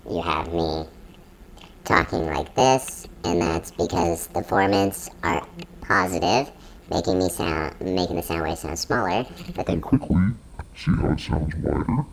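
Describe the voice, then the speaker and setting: A man demonstrating a pitch and formant shifted voice effect on his own voice, talking playfully in a casual tutorial. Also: sing-song, measured pace, gravelly, long pauses, full character voice. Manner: playful, jokey. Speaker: music tech demonstrator. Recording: built-in mic, slightly distant, faint noise.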